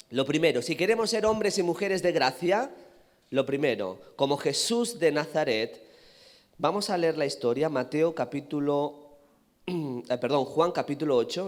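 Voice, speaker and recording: A man with a Spanish accent from Spain preaching a sermon, building to loud emphatic peaks and questioning the congregation. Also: fairly high pitch, animated, moderate pace. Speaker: pastor. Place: church hall. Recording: reverberant hall.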